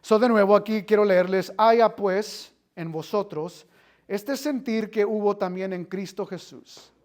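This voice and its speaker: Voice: medium pitch, a little slow, darkish tone. A Bible teacher giving an interactive class, quizzing the listeners, repeating phrases and dropping in English filler words.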